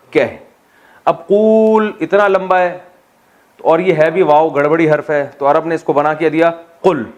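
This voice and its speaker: A man from Pakistan, an Islamic scholar teaching a Quran exegesis class, who asks the class questions, answers them himself, and jokes with his students. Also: on the high side. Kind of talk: classroom lecture.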